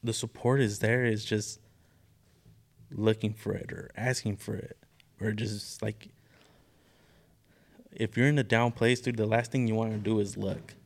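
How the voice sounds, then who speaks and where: A man's voice: on the low side, steady tone, unhurried, creaky, long pauses. A young man who works with clients in mental health, chatting casually as a podcast guest, cursing freely and saying "dude" and "bro" all the time. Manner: slangy and profane, says "dude" and "bro" constantly. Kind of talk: casual chat.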